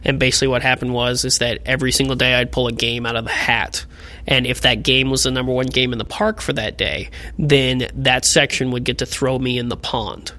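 A young man with a medium-pitched voice speaks in a casual interview. He sounds enthusiastic and tells personal stories loosely and informally. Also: steady tone, a little fast, pushed and bright. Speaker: amusement park manager.

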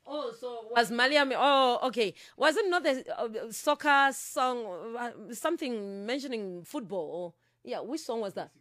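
A woman hosting a music interview, relaying her guests' answers to listeners and questioning them in a rapid, animated way. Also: fairly high pitch, no echo, studio quality. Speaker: interview host.

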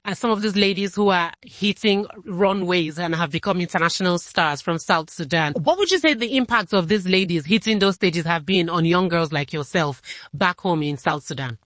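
A woman interviewer asking measured, probing questions, with the odd small hesitation. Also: on the low side, fairly bright tone, no echo, clean studio sound. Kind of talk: broadcast interview.

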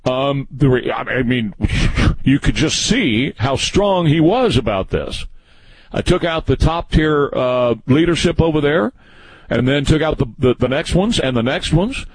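A man's voice: on the high side, breathy edge, dry recording, low-quality recording. A man in his early sixties hosting a call-in radio talk show, folksy and rambling with frequent restarts. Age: 60s. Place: radio studio.

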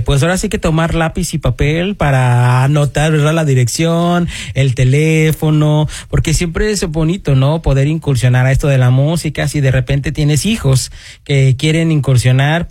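A man's voice: fairly high pitch, a little mellow, no echo, clean studio sound. A man hosting a radio interview, talking casually and encouragingly, often checking in with his guest. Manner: casual, encouraging, fills pauses with "eh" and "¿verdad?". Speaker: radio host.

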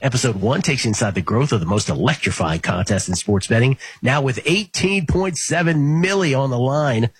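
Male sports host, very husky and raspy, delivering a network promo read. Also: mid-range voice, expressive, moderate pace, few pauses, no echo. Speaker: sports betting show host.

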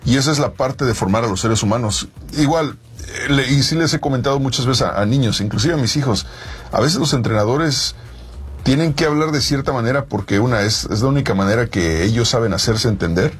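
Husky-voiced male co-host. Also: mid-range voice, brisk. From Mexico. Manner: conversational, explains with examples. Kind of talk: casual talk show chat.

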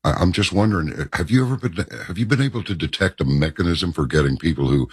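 Male host, very low voice, very breathy and husky, rambling stammered questions. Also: quick pace, no echo, studio quality. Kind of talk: political interview.

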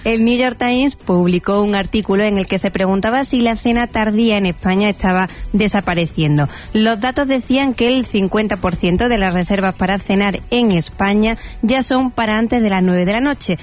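Woman, radio co-host, upbeat, reads headlines, mid-pitched voice. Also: normal speed. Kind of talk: radio news segment.

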